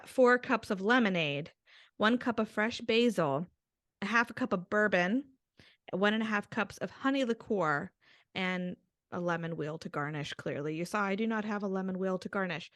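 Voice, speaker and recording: A woman's voice: medium pitch, normal speed, fairly bright tone, no echo, clean studio sound. A young adult woman co-hosting a podcast with her mother, chatting casually and laughing often over a video call. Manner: giggly, chatty. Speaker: podcast co-host. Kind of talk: casual chat.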